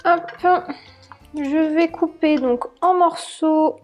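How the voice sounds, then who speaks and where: In her home kitchen vlog, a young woman explains what she's cooking step by step, filler-heavy and chatty throughout. She speaks slowly in a high-pitched, slightly mellow voice with soft music playing behind her.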